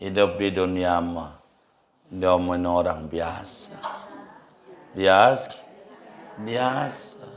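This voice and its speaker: A man's voice: low voice, slow pace. A man preaching a sermon, telling a funny story and repeating phrases and rhetorical questions to the congregation. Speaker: Islamic preacher. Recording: roomy echo of a hall.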